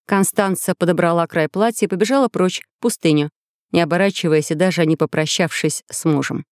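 A woman narrating a children's adventure story aloud, lively and expressive, recorded close and dry. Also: on the low side, a little fast, no echo. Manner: lively, voices every character. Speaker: audiobook reader.

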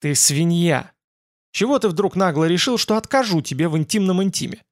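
A woman's voice: fairly low pitch, animated, brisk, natural voice. A man reading a fierce, foul-mouthed young woman's lines in an audiobook, hissing and furious. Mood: indignant.

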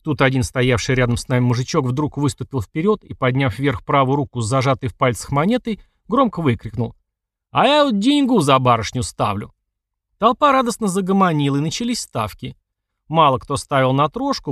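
A man narrating an audiobook in lively storytelling. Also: mid-range voice, a little fast, dry recording, clean studio sound.

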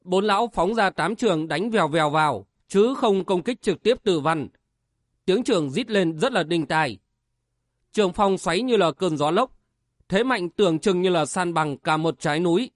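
A man's voice: high voice, expressive, normal speed, dry recording, studio quality. A man narrating a martial-arts novel as an audiobook with vivid, dramatic storytelling.

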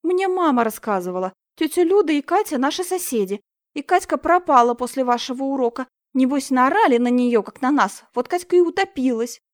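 A woman's voice: high-pitched, expressive, fairly quick, voice pushed up. A woman reading an audiobook, voicing a spiteful schoolgirl who whines and pleads. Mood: whiny. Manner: whiny, pleading.

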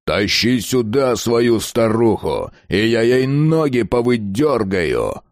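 A man voicing a crude, brutal ex-convict who talks in a gruff growl. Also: sits low, sing-song, takes it slowly, darkish tone, no echo, clean studio sound, exaggerated voice. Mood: menacing. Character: rough thuggish male ex-convict, crude and brutal.

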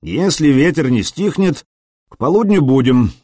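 A Norse ship's helmsman in an audiobook, deliberate and matter-of-fact, as a male narrator puts him on. The voice is husky and dry. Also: on the high side, expressive, warm tone, no room sound, pitched above the performer's own voice.

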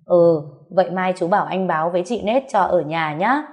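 A woman voicing a kind young village man who gently coaxes a frightened little girl in a storybook reading. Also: on the low side, normal speed, natural voice. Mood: gentle coaxing. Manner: gentle, coaxing questions.

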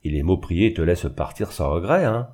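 A man voicing a suspicious, miserly old uncle with a piercing, plaintive tone and a curt, gruff manner, in a storybook reading. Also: low voice, lively intonation, moderate pace, dark tone. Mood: grumbling.

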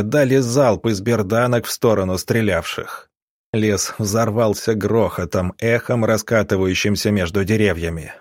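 A male audiobook narrator with a low, husky voice reads scripted narration in measured, steady storytelling. The recording is dry and studio quality.

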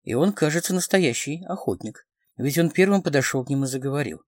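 A man's voice: a little high, animated, brisk, darkish tone, no echo. A man narrating a novel as an audiobook, reading expressively. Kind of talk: scripted narration of a crime novel.

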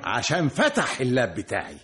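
An actor playing a nervous, sarcastic brother with an Egyptian accent, questioned by police in a radio drama. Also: male voice, mid-range voice, wildly swooping pitch, a little fast, sharp tone, soft background music. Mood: mocking, agitated. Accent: Egyptian Arabic. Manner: sarcastic, shifting between laughter and whining.

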